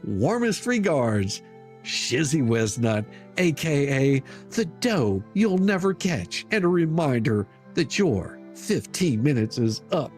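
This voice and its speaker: An online commentator with a slightly high, very animated voice reads an open letter slowly, in a dramatic and scathing way. His delivery is mocking, theatrical and full of profanity, with music playing underneath.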